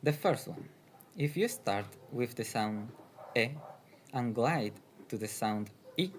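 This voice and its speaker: Slow, deliberate male pronunciation teacher. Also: mid-range voice, lively intonation, slight background noise. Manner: repeats each example word twice.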